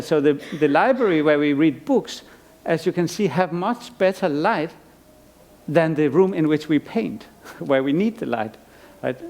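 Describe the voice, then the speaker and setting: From a lecture stage, a middle-aged Icelandic artist gives a conference talk that is thoughtful and rambling, full of restarts and fillers. His voice is fairly high-pitched with a darkish tone.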